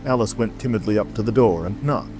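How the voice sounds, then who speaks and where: A man's voice: fairly low pitch, fast talker, music in the background. A man narrating a classic storybook as a scripted audiobook.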